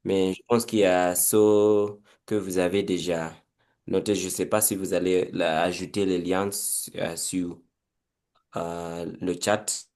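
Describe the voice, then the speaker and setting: Kenyan guy teacher on a call, really deep voice, keeps repeating himself. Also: flat delivery, darkish tone. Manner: halting, repeats words. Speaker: participating teacher. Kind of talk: question in an online workshop. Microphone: video call.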